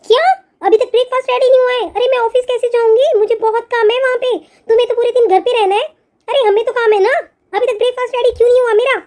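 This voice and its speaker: Scornful bossy sister-in-law, very high cartoon voice, played by a woman. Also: fast. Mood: demanding. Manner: sneering, scolding. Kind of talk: cartoon voice acting.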